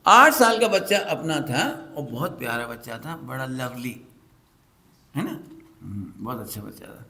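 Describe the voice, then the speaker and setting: A man's voice: mid-range voice, measured pace. A middle-aged man giving a sermon to an audience, telling homely stories and acting out the voices in them, often asking the listeners questions. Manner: animated storytelling, acts out quoted voices, asks the audience questions. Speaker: Jain scripture teacher.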